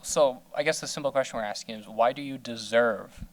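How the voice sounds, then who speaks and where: Man as an earnest, halting sketch interviewer. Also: mid-range voice, lightly acted. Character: earnest, easily thrown male show interviewer. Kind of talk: comedy sketch dialogue.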